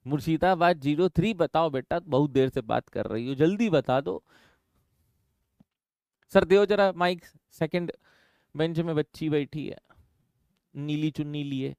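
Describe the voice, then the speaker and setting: एक पुरुष शिक्षक कक्षा में रसायन पढ़ाते हुए, हिंदी और अंग्रेज़ी मिलाकर फुर्ती से और छात्रों को छेड़ते हुए बोलता है।. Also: male voice, a little high, darkish tone, clean tone, no room sound, studio quality. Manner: brisk, teasing, mixes Hindi and English. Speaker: chemistry teacher. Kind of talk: classroom lecture. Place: classroom.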